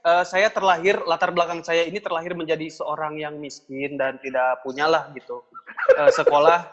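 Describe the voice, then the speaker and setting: A man's voice: on the high side, level tone, normal speed, dull audio, close to an everyday voice. A man playing a boastful, self-important rich guest on a comedy podcast, fussy about being interrupted. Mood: pompous.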